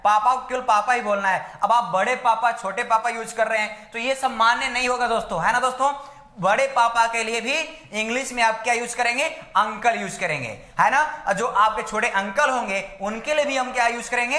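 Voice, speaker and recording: A man's voice: very high voice, pushed and bright. A male teacher giving an exam-prep lecture, who keeps asking questions and answering them himself and constantly checks in with "right, friends?". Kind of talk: classroom-style lecture. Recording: roomy echo.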